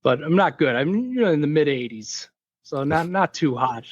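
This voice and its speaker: A man's voice: a little high, animated, moderate pace, dry recording. Easygoing man on a dull, dry line. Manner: easygoing, joking storyteller. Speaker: podcast guest, packaging inventor. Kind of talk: casual interview chat.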